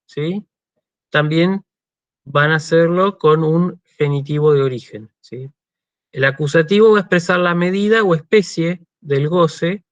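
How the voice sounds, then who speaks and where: Man, Argentine accent, lecturer, slightly high voice, dry muffled computer mic. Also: no room sound. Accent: Argentine Spanish. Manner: explanatory, frequent "¿sí?" check-ins and "este" fillers. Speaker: university lecturer. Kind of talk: online lecture.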